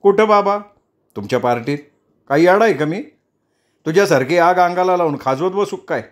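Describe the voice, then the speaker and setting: A man doing a loud, mocking politician. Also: sits high, expressive, brisk, voice pushed up. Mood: scornful. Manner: loud, scornful, teasing. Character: brash loud male politician, middle-aged, mocking.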